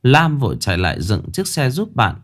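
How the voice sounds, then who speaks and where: A man narrating a dramatic ghost story in an expressive way. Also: medium pitch, moderate pace.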